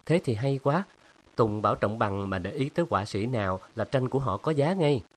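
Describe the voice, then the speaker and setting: A man voicing a lively, teasing young woman who scolds playfully in a storybook reading. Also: mid-range voice, fairly quick, natural voice.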